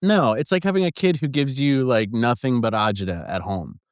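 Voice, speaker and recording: A male podcast co-host chatting casually with a loose, profane, self-mocking humor. His voice sits at an ordinary middle pitch and the recording is close and dry, with no room sound around it. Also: brisk, smooth, no room sound. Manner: profane, self-deprecating, jokey. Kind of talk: casual chat.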